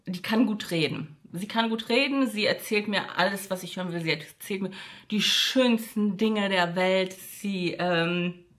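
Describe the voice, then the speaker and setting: A woman's voice: a little slow, fairly bright tone. Woman vlogger telling a storytime, chatty, lots of ähm, acts out the quotes. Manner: acts out quoted dialogue with shifts in pitch; frequent fillers and asides to viewers. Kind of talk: casual storytime monologue.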